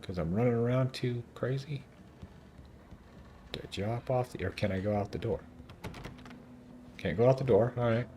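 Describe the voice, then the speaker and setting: A man streaming a video game, giving excitable, chatty commentary to his chat. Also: medium pitch, moderate pace, long pauses, a little hiss or hum. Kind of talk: casual gameplay commentary.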